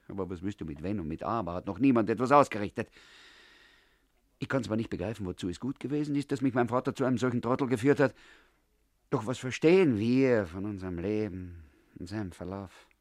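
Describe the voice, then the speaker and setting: A man's voice: fairly low pitch, fairly quick, no room sound, studio quality. A man reading a first-person story aloud in a confiding tone, as if talking to an old comrade. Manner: confiding, addressing the listener as comrade. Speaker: audiobook narrator. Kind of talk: first-person literary narration.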